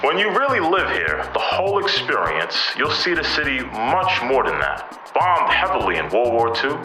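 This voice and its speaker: A man's voice: mid-range voice, wildly swooping pitch, moderate pace. A man with a New York accent hosting a podcast, stammering through questions and reading a playful scripted monologue. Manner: stammering restarts, "mm-hmm" backchannels. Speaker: podcast host. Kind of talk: casual interview chat and scripted monologue. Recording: echoey room with loud music behind.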